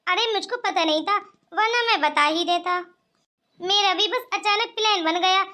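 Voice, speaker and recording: A woman's voice: very high-pitched, normal speed, sharp tone. Woman voicing a caring young husband. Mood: easygoing. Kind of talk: cartoon voice acting.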